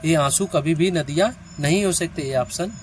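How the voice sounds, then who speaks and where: A man with a fairly high voice teaches reasoning online, working through each problem step by step. He counts items aloud and keeps asking whether the listener has understood. Faint traffic sounds can be heard behind him. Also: normal speed. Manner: counts out steps aloud, often checks in with the listener. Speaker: reasoning teacher for competitive exams.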